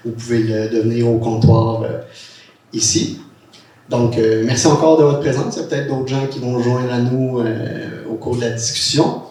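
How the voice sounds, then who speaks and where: A man's voice: mid-range voice, a little mellow. A man, hosting a public book talk and interviewing his guest, hesitant and full of fillers. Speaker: host and interviewer. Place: bookshop event room. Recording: echoey room from a distance.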